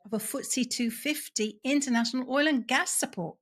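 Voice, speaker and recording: A woman's voice: high-pitched, fairly quick, a bit bright, husky. A woman hosting a podcast interview, chatty and enthusiastic, with a self-deprecating humour. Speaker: podcast host.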